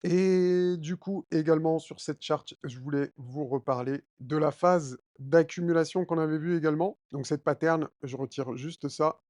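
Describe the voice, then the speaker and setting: A man with a fairly high voice walks his viewers through a price chart in a relaxed, filler-heavy way, often checking in with them. His voice is recorded close and dry, with almost no room sound. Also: normal speed, hardly any pauses, no room sound. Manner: addresses viewers directly with frequent d'accord and hein. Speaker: crypto trading YouTuber. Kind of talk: chart analysis walkthrough.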